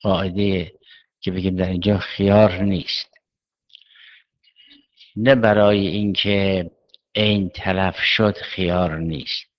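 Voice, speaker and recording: In a dull, lo-fi recording, a man delivers a methodical seminary lecture on Islamic jurisprudence, raising questions and then resolving them on his own. His voice is low, and his tone stays steady and measured throughout.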